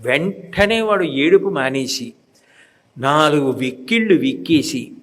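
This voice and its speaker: A man's voice: on the high side, fairly bright tone. An older man giving a devotional discourse, chanting verses and acting out quoted voices as he explains. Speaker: religious discourse speaker. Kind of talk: devotional sermon.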